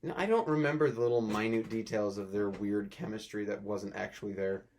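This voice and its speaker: A man's voice: fairly low pitch, fairly even intonation, fairly quick, darkish tone, slight background noise. A young man co-hosting a podcast in casual chat, joking, teasing and laughing often. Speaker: podcast co-host.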